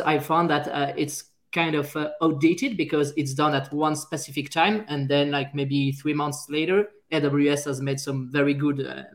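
A man with a French accent and a slightly higher voice speaks as an interview guest. He talks casually and pauses often with fillers, circling back to restart his sentences. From France. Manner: hesitant, many fillers and restarts. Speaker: guest, software engineer.

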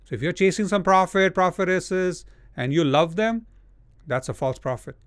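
A man preaching a sermon in a blunt, scolding way. He reads scripture verses slowly and then presses his point hard. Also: high voice, animated, no echo, clean studio sound.

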